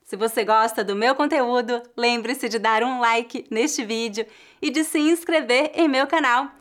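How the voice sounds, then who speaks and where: A woman with a Brazilian accent giving a scripted language lesson, saying model phrases slowly and clearly, then repeating them. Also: on the high side. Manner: slow, carefully articulated model phrases repeated at varying speeds. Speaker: Portuguese teacher.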